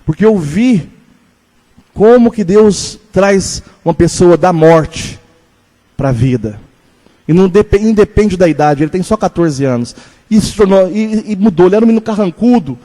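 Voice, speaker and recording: High-voiced pastor preaching in a reverberant hall. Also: male voice, lively intonation, warm tone. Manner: earnest storytelling, slows for emphasis. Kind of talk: sermon with personal story.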